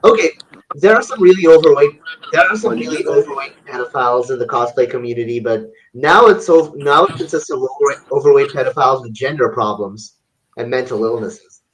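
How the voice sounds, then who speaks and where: A man in his twenties talks bluntly and crudely in a casual group chat, often restarting his sentences. His voice is medium-pitched and a little fast, and the noisy recording has audible hiss.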